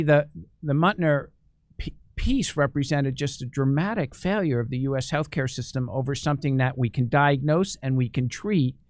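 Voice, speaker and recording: Measured male interview host, smooth dry voice. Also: a little high, no echo. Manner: measured, halting, with repeated restarts. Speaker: interview host, journal editor. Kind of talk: interview hosting.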